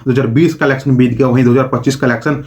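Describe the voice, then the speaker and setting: A man's voice: medium pitch, fairly even intonation, racing, a little mellow. A man hosting a political explainer video, giving scripted commentary in an opinionated tone with rhetorical questions.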